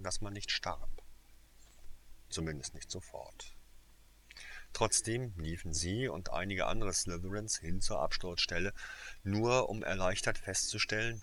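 A man narrating a story in a steady, even reading voice. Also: deep voice, slight background noise. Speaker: audiobook narrator.

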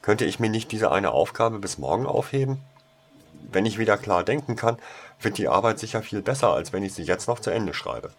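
A man's voice: on the low side, animated, a little fast, pitched above the performer's own voice. A man voicing a guarded teenage schoolboy who speaks hesitantly with dry irony. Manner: hesitant, ironic. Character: shy, guarded teenage schoolboy, dryly ironic.

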